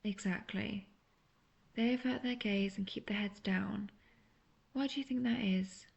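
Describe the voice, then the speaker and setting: Calm and persuasive, a woman portrays a seductive, manipulative, obsessive witch in an intimate audio roleplay, softly coaxing and teasing the listener and slipping into near-whispers. Her creaky, medium-pitched voice keeps a steady tone and measured pace. The highs are cut off.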